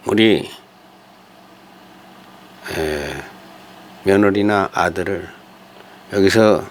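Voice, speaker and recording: A man's voice: low-pitched, a little hiss or hum. An older man hosting a talk, speaking in a folksy, digressive way with hesitant fillers and rhetorical asides. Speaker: host giving a talk on character and family. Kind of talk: rambling spoken commentary.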